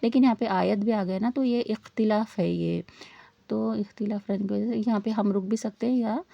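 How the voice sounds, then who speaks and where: Gravelly-voiced woman teaching Quran recitation. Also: mid-range voice, fairly even intonation, no room sound, highs cut off. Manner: patient, repeats points, asks learners questions; slows down to model Arabic sounds. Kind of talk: step-by-step tajweed lesson.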